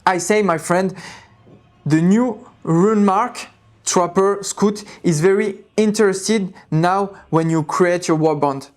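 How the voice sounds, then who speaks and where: A woman with a French accent hosting a tabletop game channel, chatting through new rules with lots of fillers and halting English readings. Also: lowish voice, soft background music. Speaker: tabletop game video host. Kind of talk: casual rules explanation to viewers.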